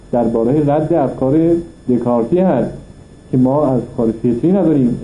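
A man at middle pitch gives a classroom philosophy lecture. He reads a passage, then unpacks it step by step and presses his argument with rhetorical questions. The sound is roomy and a little dull, with faint noise behind him. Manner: reads Arabic passages then explains them in Persian; argues point by point with rhetorical questions. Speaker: philosophy teacher. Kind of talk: classroom lecture reading and explaining an Arabic text.

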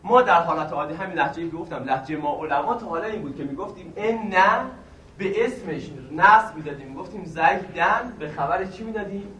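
In a seminary classroom, a man with a slightly high, somewhat bright voice goes over grammar, repeating each point with patience and answering his own questions to the class. It's recorded from a distance in an echoey room with faint noise.

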